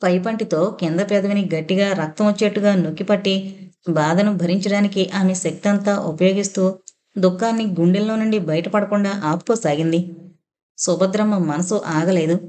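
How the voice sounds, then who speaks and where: A woman narrating a novel in a steady storytelling voice. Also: medium pitch.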